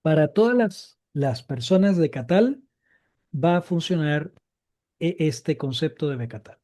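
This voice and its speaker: A man's voice: fairly high pitch, animated, a little slow, dark tone. A man teaching a live Biblical Hebrew grammar class, explaining patiently and repeating each key point.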